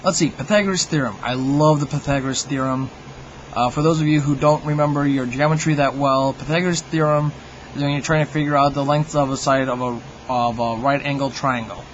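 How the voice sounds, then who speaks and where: Wry man with a higher-middle lo-fi voice. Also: slight background noise. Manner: wry, mock-opinionated, tongue-in-cheek. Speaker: video host. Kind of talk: humorous monologue to viewers.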